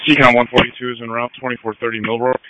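A man's voice: mid-range voice, level tone, rapid-fire, bright, forceful tone, a little hiss or hum, poor audio. A male firefighter giving clipped, businesslike scene reports over two-way radio.

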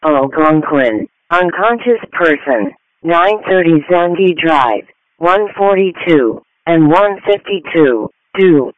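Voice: medium pitch, lively intonation, slow pace, no echo. An emergency dispatcher reading out call details and addresses as a formal ambulance radio announcement. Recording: dry, narrow phone-like radio channel.

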